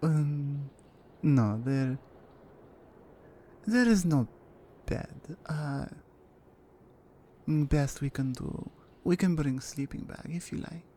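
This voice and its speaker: A woman voices a Russian-accented crime family member, seductive and menacing, in an intimate ASMR roleplay where she teases and commands. She sounds commanding and amused, using a low, warm, expressive and exaggerated voice that slides from breathy murmurs into whispers, delivered slowly, deliberately, dominantly and teasingly.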